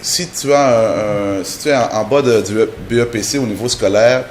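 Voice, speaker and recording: A man's voice: fairly low pitch, moderate pace. Man, TV guest, explains step by step with restarts, faint background noise. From Canada. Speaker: guest, immigration trainer. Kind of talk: TV interview answers.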